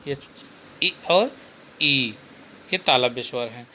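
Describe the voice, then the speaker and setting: A man giving a Hindi grammar lesson, slow and repetitive, posing questions to the class and answering them himself. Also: mid-range voice, animated, pushed and bright, slight background noise.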